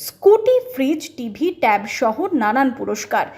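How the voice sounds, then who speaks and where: A woman's voice: fairly high pitch, big pitch swings, moderate pace, darkish tone. A woman reading scripted promotional narration as an emphatic announcer. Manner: emphatic announcer delivery listing prizes. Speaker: promotional news-style announcer.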